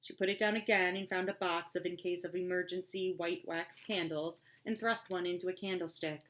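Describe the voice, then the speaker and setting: A woman reading a storybook aloud in a measured storytelling manner. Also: fairly low pitch, steady tone, fairly bright tone. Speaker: audiobook reader. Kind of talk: scripted narration.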